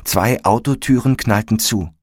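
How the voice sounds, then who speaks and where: A man narrating a story in a calm, measured audiobook style. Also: fairly low pitch, no echo, studio quality.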